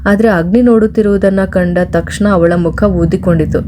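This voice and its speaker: A woman storyteller reading a story aloud in a steady, even manner. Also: medium pitch, normal speed, a little hiss or hum. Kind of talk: scripted story narration.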